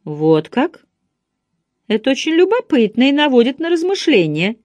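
A woman voicing a shrewd, calm elderly woman sleuth who speaks in a measured, thoughtful way, in an audiobook reading. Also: high voice, dry recording, voice pushed up.

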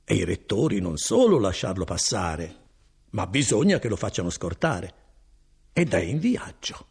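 A man's voice: a little slow, gravelly, husky, exaggerated voice. Bortolo, a man voicing a chatty good-hearted cousin. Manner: chatty and animated, swinging between high and low. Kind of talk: audiobook character reading.

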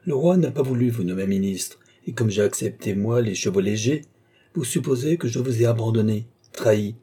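A man voicing a proud young duke talks earnestly and defensively to his uncle in an audiobook. The voice is dark and husky, and it stays close to the reader's own. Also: medium pitch, brisk, close to an everyday voice. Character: proud anxious duke, nephew. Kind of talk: audiobook character reading.

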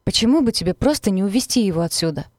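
A woman reading the part of an agitated young man who is frightened of a big dog, voicing him loudly in a story. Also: medium pitch, lively intonation, fairly quick, dry recording, studio quality, close to an everyday voice. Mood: scared. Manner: loud, shouting.

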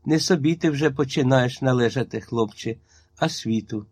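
A man's voice: medium pitch, moderate pace, a little mellow, breathy edge, close to an everyday voice. A man reading a story aloud and voicing a stern old village witch woman with a harsh, iron-hard manner.

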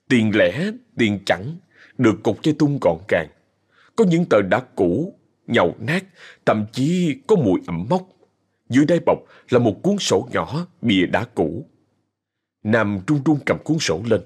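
Husky, expressive male storyteller. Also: medium pitch. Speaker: story narrator. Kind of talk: scripted story narration. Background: faint music.

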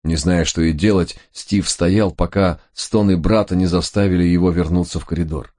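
A man narrating a noir crime novel in a measured, storytelling manner. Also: deep voice, steady tone, darkish tone. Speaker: audiobook narrator. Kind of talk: scripted narration.

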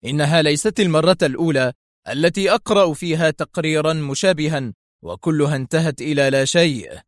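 A man reading a story aloud, voicing an angry, agitated male intelligence officer who keeps snapping and shouting. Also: a little high, a little fast, no room sound, studio quality, natural voice. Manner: sharp, agitated outbursts.

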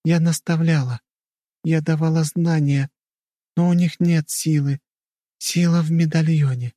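A man voicing the ghost of an old clan matriarch, speaking slowly and without emotion, in lofty measured phrases. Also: a little high, no echo, voice pushed up, lightly acted. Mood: emotionless. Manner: flat, emotionless, like a recording; slow, measured, lofty pronouncements. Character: ancient female ghost, solemn clan matriarch. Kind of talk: audiobook character voice.

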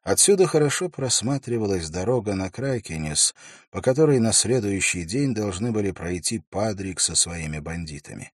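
A man narrating a fantasy audiobook in a measured, even storytelling manner, close to the mic. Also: fairly low pitch, husky, no room sound.

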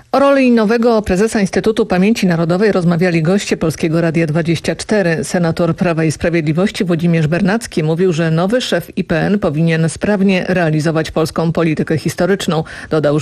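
A woman reading a scripted radio news bulletin in a steady, formal manner. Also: lowish voice, no room sound. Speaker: radio newsreader. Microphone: studio mic.

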